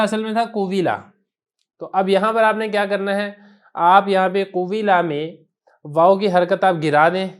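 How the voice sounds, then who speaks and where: Man teaching slowly, high clear voice. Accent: Pakistani Urdu. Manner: patient, spells out word forms slowly one by one. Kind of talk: classroom grammar lesson.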